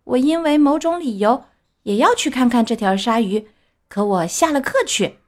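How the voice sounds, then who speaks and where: A brash little wooden puppet boy chirps in a high, loud, childlike voice, as a woman reads him aloud. His voice bounces up and down as he boasts in this storybook. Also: animated, normal speed, close to an everyday voice. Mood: cheeky. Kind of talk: storybook reading.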